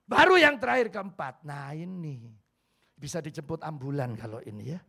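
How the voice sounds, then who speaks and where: A man's voice: fairly high pitch, sing-song, normal speed, creaky, bright, forceful tone. A male pastor with an East Javanese accent preaching a sermon, acting out little scenes and slipping into Javanese phrases. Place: church hall.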